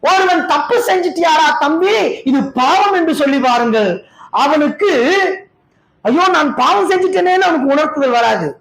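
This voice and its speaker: A male pastor preaching a sermon with a Tamil Nadu accent. He swings between loud shouted passages and low, intense stretches, and he keeps asking rhetorical questions. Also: lively intonation, moderate pace, vocal fry, echoey room, low-quality recording. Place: church hall. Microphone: handheld or stand microphone.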